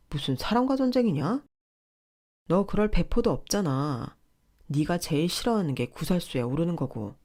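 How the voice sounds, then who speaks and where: A woman's voice: low-pitched, dark tone. A woman voicing an arrogant, controlling young husband who talks down to his wife in a sneering, dismissive way.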